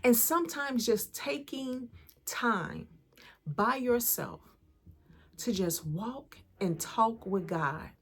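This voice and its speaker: A woman's voice: a little high, expressive, slow, husky. An American woman, an empowerment coach and channel host, giving an earnest, conversational inspirational talk about faith straight to camera. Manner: earnest, conversational, preacher-like encouragement.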